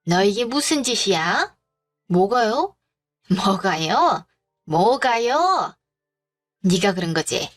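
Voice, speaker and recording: 여성이 연기하는 날카롭게 따지는 시어머니. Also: female voice, a little high. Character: shrill fussy older mother-in-law.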